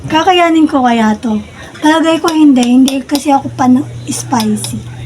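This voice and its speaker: High-pitched Filipino woman vlogger. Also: moderate pace, darkish tone, a little hiss or hum. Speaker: vlogger doing a food challenge. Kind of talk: casual vlog talk to viewers.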